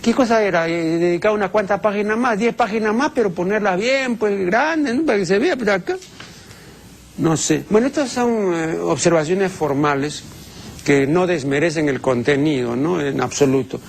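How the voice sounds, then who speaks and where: Pedantic older man, gravelly. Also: high-pitched, moderate pace, a little hiss or hum. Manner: strict, pedantic, with many hesitations. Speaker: TV language commentator answering viewers. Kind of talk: talk-show segment answering viewer questions.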